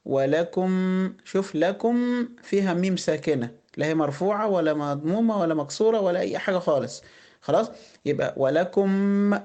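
A man's voice: high voice, a little mellow. Patient Egyptian man teaching recitation. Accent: Egyptian Arabic. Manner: explains patiently, asks rhetorical questions, draws out words slowly. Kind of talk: tajweed lesson with slow recitation.

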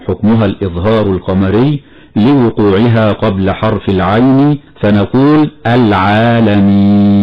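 A man, addressed as sheikh, explaining Quran recitation rules in a measured, methodical way on a radio lesson. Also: on the low side. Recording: dull lo-fi radio recording.

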